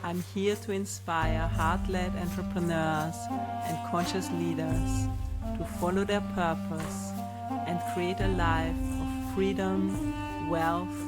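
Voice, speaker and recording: A woman from Austria hosting her own podcast, speaking in a calm, measured and soft-spoken way as a spiritual business coach. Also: fairly low pitch, over loud music. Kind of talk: scripted solo podcast.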